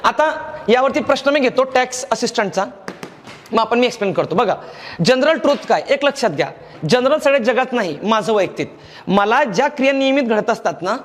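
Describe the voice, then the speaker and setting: A man's voice: extremely high pitch, lively intonation, brisk, big-room sound. A man with a Marathi accent teaching a grammar lecture, explaining patiently, repeating key phrases and checking that students follow. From India.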